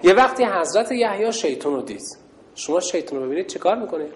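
A woman teaching girls a religious lesson, shouting call-and-response cues and giving cheerful praise. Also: lowish voice, sing-song, slight background noise. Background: children's chatter.

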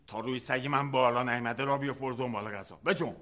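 A man's voice: medium pitch, fairly even intonation, a bit bright, close to an everyday voice. An actor playing a pushy, impatient film-crew man who scolds a co-worker. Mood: scolding. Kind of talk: TV drama acting.

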